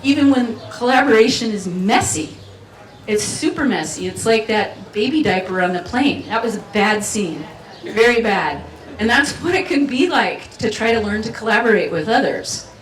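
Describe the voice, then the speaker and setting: At a community event venue, a female festival speaker delivers a playful, chatty keynote that pulls the audience in. Her voice leans high and expressive at normal speed. The audio is distant, with roomy hall sound and faint ambience.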